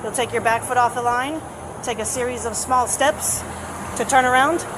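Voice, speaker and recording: Noisy street bodycam, lady cop with a highish voice giving test instructions, patient but firm. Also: normal speed. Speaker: police officer. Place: outdoors at a roadside. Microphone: body camera. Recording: noisy outdoor bodycam, traffic around.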